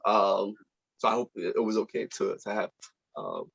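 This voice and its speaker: A fairly low, creaky, husky male voice with a fairly bright tone and huge pitch swings, spoken at normal speed. He's a student film director hosting a casual online table read, informal, appreciative, and hesitant in how he phrases things, heard through dull lo-fi call audio.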